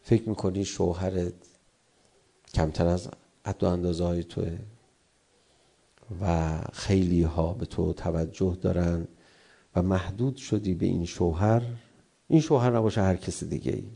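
A middle-aged cleric delivers a sermon in a gravelly voice. His tone is dark and mellow, and he acts out quarrelling spouses in raised voices to make his points. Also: deep voice, steady tone, pauses often.

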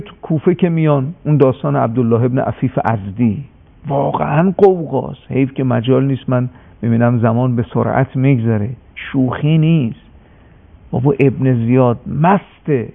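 A man giving a sermon-like religious story, impassioned and slowing down for emphasis on a radio broadcast. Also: mid-range voice, creaky. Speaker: religious speaker. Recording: tinny phone-like radio broadcast.

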